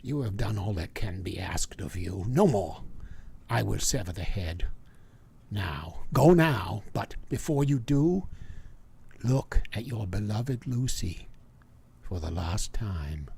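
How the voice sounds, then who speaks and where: A man playing a grave, commanding older professor and vampire hunter in old-time radio drama style, deliberate and insistent. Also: on the low side, animated, gravelly, darkish tone, slightly rough, heavily acted. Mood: gentle, firm. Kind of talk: 1940s radio acting.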